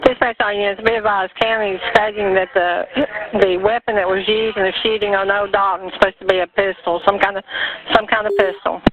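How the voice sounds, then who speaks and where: Flat-toned police radio dispatcher, thin noisy signal. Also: mid-range voice, brisk, a crowd in the background. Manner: procedural radio talk in ten-codes. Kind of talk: police radio dispatch, relaying units and alerts. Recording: narrow, noisy two-way police radio with clicks.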